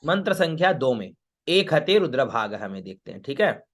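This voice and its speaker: A man teaching a Vedic chanting class online, chanting verses slowly and then patiently explaining each syllable's pitch, with frequent check-ins. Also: very animated, creaky, fairly bright tone. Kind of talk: online class, recitation lesson.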